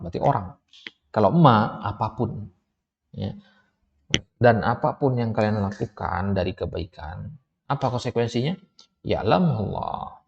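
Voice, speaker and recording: Low gravelly male teacher, lo-fi. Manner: explains step by step, asks and answers his own questions. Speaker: Arabic grammar teacher. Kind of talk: recorded lesson. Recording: dull lo-fi recording.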